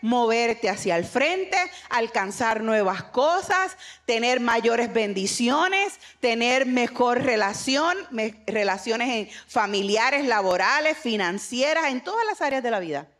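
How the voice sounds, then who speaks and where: An older woman with a Puerto Rican accent preaches in an easy, conversational way. She tells family stories and then presses her point with growing emphasis. Her voice sits a little high. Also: expressive, slow, hardly any pauses, fairly bright tone. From Puerto Rico. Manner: conversational preaching with retold family anecdotes, rising to emphatic exhortation. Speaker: pastor. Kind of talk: sermon to a women's meeting.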